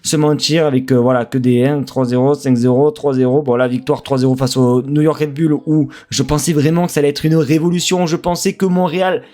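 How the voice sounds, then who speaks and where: A man's voice: a little high, fairly even intonation, a little fast, hardly any pauses, mellow. A man from France with a French accent, casually previewing a football match as a streamer, chatty and hesitant with many fillers.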